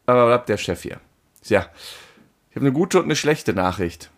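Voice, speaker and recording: A man in casual chat, telling an animated story and acting out the phone calls in it. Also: mid-range voice, fairly quick.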